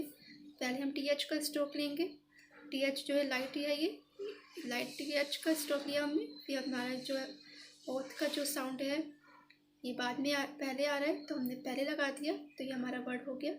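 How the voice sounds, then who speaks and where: A woman's voice: high voice, fairly even intonation, moderate pace, noisy background. A woman explaining a shorthand lesson step by step, patient and repetitive, pointing out each stroke. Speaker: shorthand teacher.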